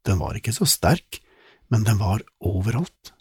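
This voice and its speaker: A deep-voiced man reads a children's audiobook, building suspense as he goes. His voice is very husky and low, and he keeps the telling lively and expressive. The recording is close and dry. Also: no room sound. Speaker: narrator. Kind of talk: scripted narration.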